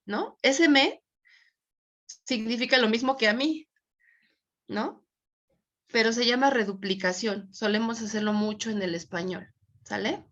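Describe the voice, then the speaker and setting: Patient and frequently checking for understanding, a woman from Mexico leads a Spanish grammar class online. Her pitch is fairly high and her tone fairly bright, captured in dull lo-fi sound.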